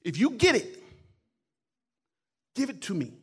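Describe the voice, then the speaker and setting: A man preaching a sermon as a guest pastor, loud and emphatic in places and quiet in others, often repeating his words and phrases. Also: high voice, wildly swooping pitch, unhurried, husky. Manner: preaching, swings between quiet asides and loud emphatic calls.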